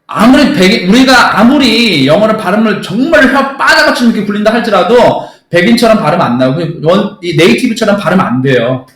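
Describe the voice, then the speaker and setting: Man, English teacher, classroom lecture, blunt and emphatic, high voice, echoey room. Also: lively intonation, fairly quick, few pauses, a bit bright. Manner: emphatic, blunt, keeps asking "understood?".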